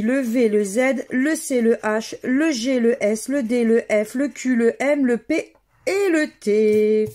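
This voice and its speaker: This scratch-card vlogger from France has a voice on the high side with a darkish tone. She chats casually as she scratches her lottery tickets, reading out the letters one by one.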